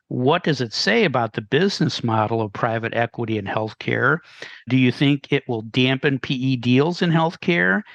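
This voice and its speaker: A man's voice: a little high, creaky, fairly bright tone, dry recording. A man moderating a podcast discussion, thanking speakers and putting questions to the panel. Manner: steering the conversation, posing questions.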